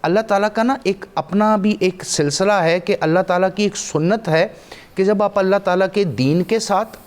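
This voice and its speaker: As a talk show guest, a man with a Pakistani accent offers impassioned, emphatic religious and historical commentary, building his points through repetition. He has a high voice and speaks at normal speed.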